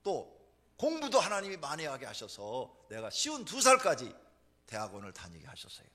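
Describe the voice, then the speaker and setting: A male pastor preaching a fervent sermon, moving from hushed storytelling to shouted exhortation. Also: medium pitch, wildly swooping pitch, moderate pace.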